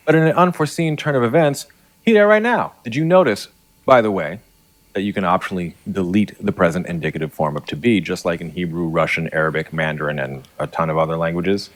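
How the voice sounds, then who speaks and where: A man with a very low voice delivers scripted educational narration. He is articulate and academic in his wording, explaining language like a lecturer and slipping into dialect for his examples. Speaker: linguistics explainer.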